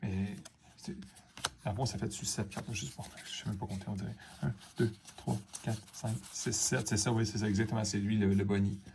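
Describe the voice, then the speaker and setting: A man with a Quebec French accent hosts a casual card-opening video, talking straight to the camera in a somewhat low voice. He rambles through his comments, full of fillers and little asides. A faint background noise sits under the recording. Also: fairly even intonation, a little fast, creaky, a little mellow. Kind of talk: casual unboxing chat to camera.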